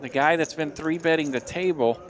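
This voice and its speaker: A man calling poker hands play by play on a live stream, quick and upbeat. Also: a little high. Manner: quick, upbeat hand-by-hand calls.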